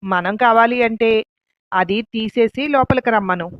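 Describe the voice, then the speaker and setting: A woman's voice: on the high side, a little slow, no room sound, natural voice. A woman voicing a stern, angry middle-aged father who speaks in harsh commands. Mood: commanding. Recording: dull lo-fi, dry.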